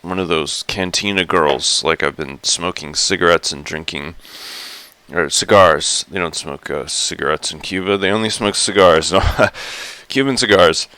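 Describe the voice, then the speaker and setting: A man in a rough, gravelly morning voice, rambling chattily through a casual live stream with lots of fillers and restarts. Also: low voice, moderate pace, bright, forceful tone, no room sound. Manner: rambling, chatty, many fillers and self-corrections. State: groggy just-woken morning voice. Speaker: live streamer exploring a virtual world.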